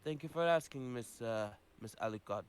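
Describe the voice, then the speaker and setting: A man's voice: mid-range voice, normal speed, clear, resonant tone, lightly acted. A man playing a tired, hungry male adventurer, speaking courteously in a tabletop game. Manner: courteous, slightly formal in character. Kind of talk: tabletop game role-play.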